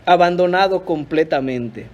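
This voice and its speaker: A man with a high-pitched voice preaching a sermon in church. He speaks earnestly and emphatically, turning often to address his listeners as brothers. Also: a little slow, darkish tone. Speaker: pastor.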